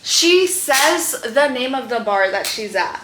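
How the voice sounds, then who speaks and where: A woman's voice: a little high, animated, takes it slowly, a bit bright, slight background noise. A woman vlogger chatting casually to a friend in a bedroom, telling a long story in a rambling way full of fillers. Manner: rambling, filler-heavy, lots of "like". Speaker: vlogger explaining internet drama to a friend. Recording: roomy echo.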